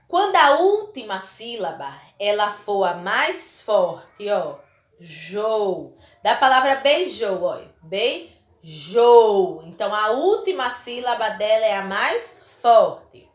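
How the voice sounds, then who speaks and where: A woman teaching a recorded lesson to young children, drawing out words slowly and stressing syllables carefully, with a Brazilian Portuguese accent. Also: medium pitch, sing-song, roomy sound. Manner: slow, exaggerated pronunciation of syllables for young pupils. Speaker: primary school teacher.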